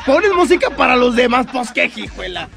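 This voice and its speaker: A man co-hosts a radio show. His voice is extremely high and his banter is jokey and playful. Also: sing-song, gravelly, over music. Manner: jokey, playful, quick asides. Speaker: radio co-host.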